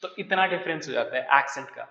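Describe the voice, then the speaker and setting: A man's voice: medium pitch, quick pace, pushed and bright. A man teaching a French lesson, explaining step by step and often checking that students follow. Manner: explains in Hindi mixed with English, with frequent check-ins. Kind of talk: online language lesson. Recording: echoey, roomy, muffled recording.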